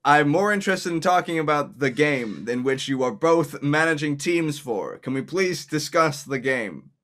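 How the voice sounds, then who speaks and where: A man's voice: fairly high pitch, expressive, moderate pace, a bit bright. A man voicing a prim sports interviewer and commentator, formal and politely exasperated. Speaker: host.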